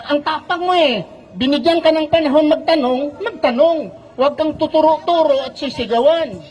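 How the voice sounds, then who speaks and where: A man's voice: extremely high pitch, darkish tone, low-quality recording. A Filipino man in a heated public debate, speaking into a handheld microphone, argumentative and telling the other side to relax and wait. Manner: argumentative, keeps repeating calls to relax and wait. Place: outdoor public gathering.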